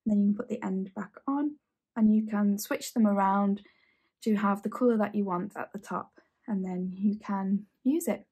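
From her home sewing room, an English sewing channel host in her thirties gives a casual tutorial in a mellow, mid-range voice with a breathy edge and a normal speed. She is chatty and enthusiastic and repeats phrases often.

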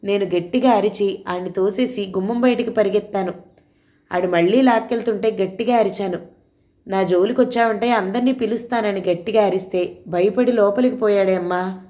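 A teenage village girl, frightened yet defiant, pleads earnestly as she recounts her ordeal, voiced by a woman storyteller. The audio storybook reading stays at an ordinary, middle pitch. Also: moderate pace, dark tone, close to an everyday voice.

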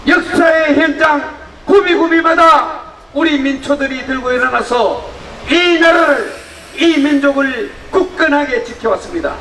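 A man with a very high voice delivers a slow, deliberate political speech to a crowd outdoors, throwing rhetorical questions at them and building to shouts. He is heard from a distance through loudspeakers, with the sound echoing around him. Steady outdoor noise sits clearly underneath. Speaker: rally speaker. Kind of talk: fiery political rally speech. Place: outdoor rally.

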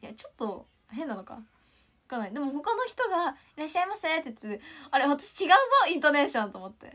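A woman in her twenties from Ishikawa, chatting casually on a morning livestream, her voice not yet warmed up and straining on high notes, thinking aloud and trailing off softly. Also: very animated, fast. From Ishikawa, Japan. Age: 20s.

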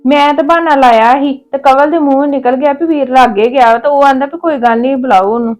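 A woman with a Punjabi accent playing a resentful sister-in-law in a family drama, curt and sharp with her visitor. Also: high voice, quick pace.

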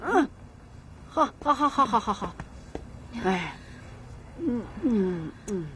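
A woman's voice: fairly high pitch, big pitch swings, slow pace, slight background noise, heavily acted. An actress playing a doting, stubborn elderly grandmother in a TV drama, coaxing and sighing as she talks. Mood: doting, soothing. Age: older. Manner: coaxing, full of sighs and fillers. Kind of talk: TV drama acting. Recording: TV drama with loud background music.

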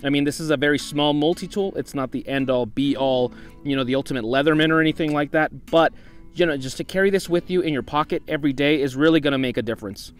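A man's voice: a little high, quick pace, soft background music. A young man hosting an outdoor vlog in the desert, talking casually about gear and often saying "once again" and "you know". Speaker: outdoor channel host.

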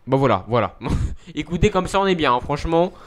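A man's voice: a little high, big pitch swings, a little fast, fairly bright tone. A young man live-streaming a video game, chatting casually, mocking himself and thanking viewers as he plays.

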